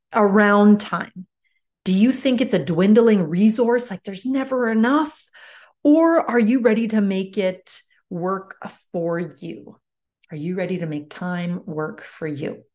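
A woman hosting a solo coaching podcast, explaining advice in a deliberate, encouraging, instructional way with pauses between phrases. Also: fairly low pitch. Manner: instructional, encouraging self-help address to the listener. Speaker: life coach podcast host.

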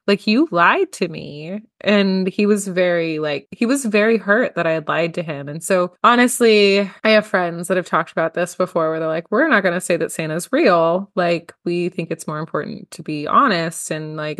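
Podcast host, woman in her thirties: low-pitched, dry close-mic sound, chatty and quick to laugh. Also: a bit bright, no echo. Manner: chatty, laughs often, acts out quotes. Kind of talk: casual solo podcast storytelling.

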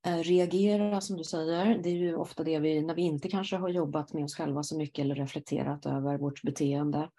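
Low gravelly woman, calm and reflective. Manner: reflective, explains slowly, frequent affirming murmurs. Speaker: podcast host, psychosynthesis therapist. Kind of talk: calm conversational interview.

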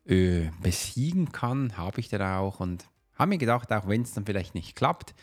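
A man's voice: fairly low pitch, big pitch swings, normal speed. A man hosts a solo podcast. He chats informally, speaking directly to one listener in an encouraging, coaching way.

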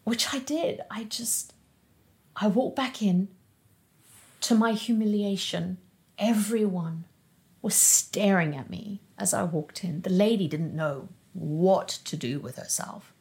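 A woman recounts a painful experience as a podcast guest in an unhurried, measured delivery. Her speech is halting, full of restarts, and at times she sinks into a soft whisper. The pitch sits in an ordinary middle range for a woman. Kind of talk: emotional personal testimony.

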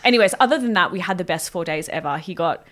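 A woman's voice: lowish voice, expressive, fast talker, fairly bright tone. A young woman, co-hosting a podcast and telling a story in casual chat, swearing freely and laughing often. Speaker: podcast co-host.

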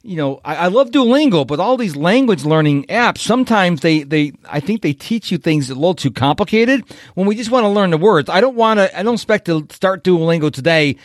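A man hosting a podcast, talking with energetic enthusiasm and lots of swing in his voice. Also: sits high, fairly quick, hardly any pauses, no room sound, clean studio sound. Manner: energetic, animated, enthusiastic delivery. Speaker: podcast host. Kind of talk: upbeat podcast interview.

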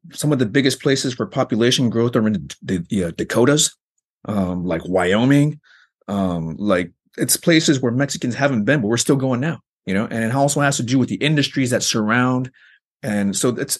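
Male researcher guest, quick and husky, explanatory, filler-heavy conversational delivery. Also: mid-range voice. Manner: explanatory, frequent fillers like "like" and "you know". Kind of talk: conversational interview.

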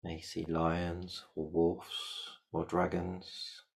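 Man, meditation guide, deep flat voice, calm repetitive instructions. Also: takes it slowly, gravelly. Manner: calm, repetitive step-by-step instructions, often murmuring "beautiful".

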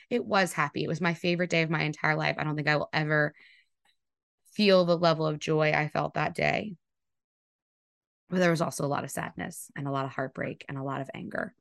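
A woman's voice: sits low, fairly bright tone, smooth, no room sound, clean studio sound. A woman with a Southern US accent in her thirties, hosting a casual solo podcast as a wedding photographer, talking candidly and swearing freely. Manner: candid, chatty, swears freely, acts out quotes.

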